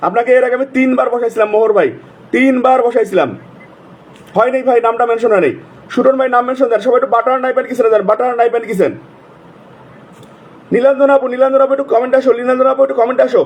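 A man's voice: extremely high pitch, steady tone, racing. A man with a sore throat, hosting a live stream, calling out viewers' names over and over and urging them to join and comment. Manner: repetitive, urgent calling out of names. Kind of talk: live stream shout-outs.

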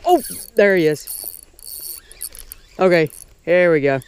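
A young man talking casually and excitedly while fishing outdoors at a pond, often exclaiming. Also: high voice, slow, clear, resonant tone. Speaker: fishing vlogger. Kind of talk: casual outdoor vlog commentary.

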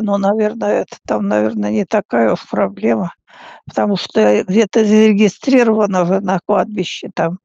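Frail, creaky great-grandmother on the phone. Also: mid-range voice, warm tone, dry recording. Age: 80s. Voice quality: frail, elderly voice. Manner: halting, repeats words and stammers. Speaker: great-grandmother talking with younger relative. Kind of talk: casual phone chat. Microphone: phone call. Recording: dull, muffled phone call recording.

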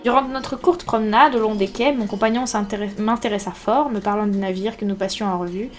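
A woman reading a novel aloud in a steady storybook narration, with small slips here and there. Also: mid-range voice, brisk, faint music behind. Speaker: reader.

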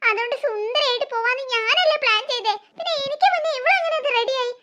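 A woman's voice: extremely high pitch, fast, bright, forceful tone. A woman voicing a scheming, jealous teenage girl in a cartoon story, muttering slyly with mocking laughs.

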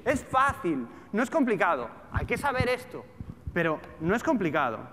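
A man in his thirties with a European Spanish accent, a trader and trading educator, gives an informal, colloquial talk packed with rhetorical questions on a large auditorium stage before a seated audience. His high voice swings widely in pitch, with a fairly bright tone and moderate pace. The hall is echoey, with background noise.

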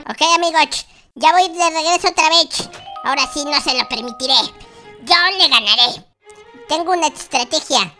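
A performer voicing a timid but boastful baby noob boy in a Minecraft gameplay video, talking in childish baby talk with a lisp. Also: high voice. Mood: nervous. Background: faint background music.

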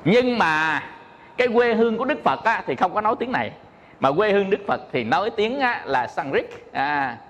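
A Buddhist monk giving a dharma talk to an audience, explaining step by step with many fillers and asking if they understand. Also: male voice, high-pitched, sing-song, normal speed, a bit bright, big-room sound, highs cut off. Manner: explanatory, often asks "hiểu không?", many "à" fillers.

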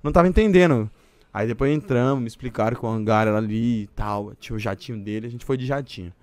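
A young Brazilian man, a podcast guest, telling stories in a loose, animated way full of swearing. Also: mid-range voice, fast, no echo. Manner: animated, swears a lot, acts out quoted voices. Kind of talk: casual podcast storytelling.

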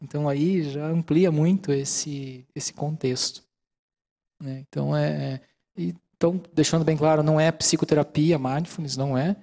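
A middle-aged Brazilian mindfulness lecturer speaks calmly into a handheld mic in a large auditorium, explaining things at a moderate pace and often checking in with the audience. His voice is fairly high with some vocal fry, and his Brazilian Portuguese is full of fillers like "né" in this relaxed lecture with audience questions.

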